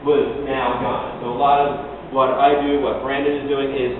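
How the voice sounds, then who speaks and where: A man's voice: medium pitch, little pitch movement, moderate pace. A man giving an explanatory spoken lecture as a fencing instructor, recorded from afar in a large, echoey room. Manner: explanatory, acting out short quotes. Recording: echoey hall, distant mic, tinny, noisy.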